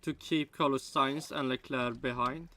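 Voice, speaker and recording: A man's voice: mid-range voice, fairly even intonation, unhurried, bright, forceful tone. Man, Swedish accent, native Swedish, casual reaction commentary, rambling, broken English, faint background noise. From Sweden. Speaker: streamer reacting to a video.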